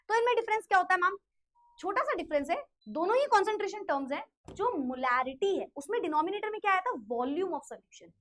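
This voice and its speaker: Woman, high voice, chemistry teacher, lively, repeats definitions slowly, answers her own questions. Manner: lively, repeats key phrases slowly to dictate. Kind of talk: online class lesson.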